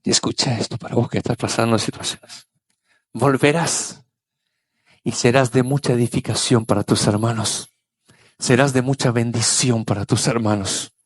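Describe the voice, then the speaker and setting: A man preaching a sermon as pastor, acting out Bible scenes with voices and lively storytelling. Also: mid-range voice, normal speed.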